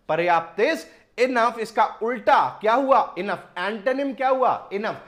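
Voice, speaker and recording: A man teaching an exam-prep vocabulary lesson in Hindi mixed with English, drilling each word by asking and answering himself again and again. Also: sits high. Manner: drills words by repeated call and answer.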